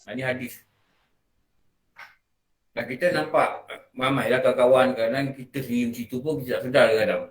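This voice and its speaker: A man's voice: medium pitch, normal speed, pauses often. Malay-accented man teaching in an echoey hall. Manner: conversational, asks the audience questions. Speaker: religious teacher. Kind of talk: morning religious lecture. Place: mosque prayer hall.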